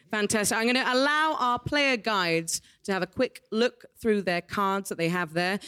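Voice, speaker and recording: A woman's voice: mid-range voice, a bit bright, clear, resonant tone. Playful British woman hosting live. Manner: playful, quirky asides. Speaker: host of a live game show. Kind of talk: light, ad-libbed live stage presenting. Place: small theatre stage in front of an audience.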